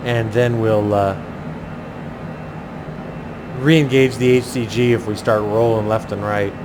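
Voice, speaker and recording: A man giving a casual flight commentary, chatty and thinking aloud in pilot jargon. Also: slow pace. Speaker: flight simulator pilot and host. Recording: clearly noisy, steady low engine-like rumble.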